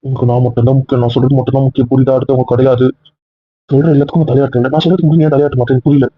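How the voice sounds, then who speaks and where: A man playing a stubborn, fast-talking husband. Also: mid-range voice, slightly rough, no room sound, lightly acted. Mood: firm. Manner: insistent, keeps ending points with a flat final word. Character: headstrong young husband, stubborn and protective. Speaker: husband character. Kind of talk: amateur audio drama acting. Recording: tinny phone-like dry recording.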